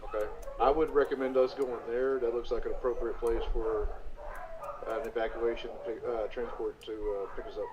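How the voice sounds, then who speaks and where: A man playing in a tabletop game, chatty and quick to laugh, thinking his moves through out loud. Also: medium pitch, flat delivery, highs cut off. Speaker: player. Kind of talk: casual table chat during a game. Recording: loud background noise.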